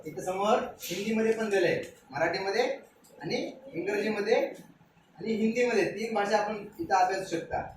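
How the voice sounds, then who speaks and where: A man's voice: high-pitched, fairly even intonation, moderate pace, noisy background. A man from Maharashtra teaching young pupils English words. He spells each word letter by letter and keeps asking the class to repeat it. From Maharashtra, India. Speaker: primary school teacher. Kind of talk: spoken English vocabulary lesson for children. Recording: very echoey room, voice from far off the mic.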